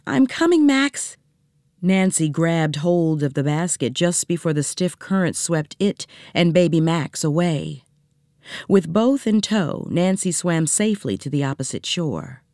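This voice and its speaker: A woman narrating a children's story in a recording studio, reading gently and expressively. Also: low-pitched, measured pace, no echo. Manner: gentle, expressive read-aloud with voiced characters.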